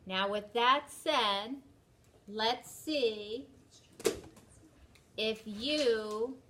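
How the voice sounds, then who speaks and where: A woman's voice: fairly high pitch, extremely slow, a bit bright, a little hiss or hum. A woman with a New York accent teaching chemistry in a classroom, working problems step by step and urging her students to try them.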